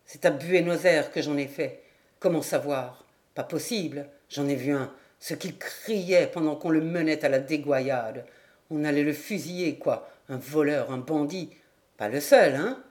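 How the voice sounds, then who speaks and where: A woman voicing a drunken, raging sailor with a raspy, slurred voice, for an audiobook. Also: on the high side, unhurried, darkish tone, voice pushed down, natural voice. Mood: rambling. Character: drunken raging sailor back from abroad, boastful.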